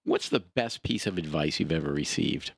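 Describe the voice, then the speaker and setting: A man's voice: a bass voice, moderate pace, creaky, breathy edge, no room sound. A man in his sixties co-hosting a podcast, chatting casually with dry jokes. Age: 60s. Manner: wry, lively, dryly joking. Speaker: podcast co-host. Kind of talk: casual chat.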